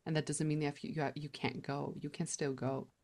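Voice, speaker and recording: A woman's voice: low-pitched, little pitch movement, normal speed, darkish tone. A woman guest on a podcast interview, explaining her ideas in an earnest, teacherly way.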